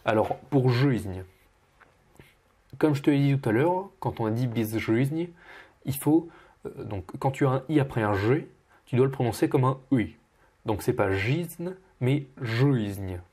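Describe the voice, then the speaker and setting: A man teaching pronunciation as he corrects a student, patiently repeating each word slowly. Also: mid-range voice, expressive, darkish tone, slightly rough. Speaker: Russian language teacher.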